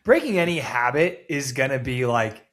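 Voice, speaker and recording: A young man co-hosting a podcast, telling relaxed anecdotes and laughing along. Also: medium pitch, normal speed. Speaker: podcast co-host. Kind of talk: casual chat.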